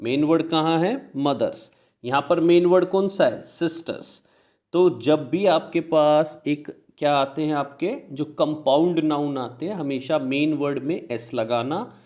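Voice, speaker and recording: A man with an Indian English accent teaching a grammar lesson, explaining in Hindi, reading example sentences slowly and answering his own questions. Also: fairly high pitch, a little mellow.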